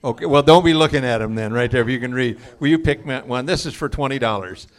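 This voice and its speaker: A man emcees a live auction, calling names across the room and joking with the crowd. His voice sits at an ordinary middle pitch and carries loudly over the audience. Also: quick pace. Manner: jokey, booming crowd address. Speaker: auction host.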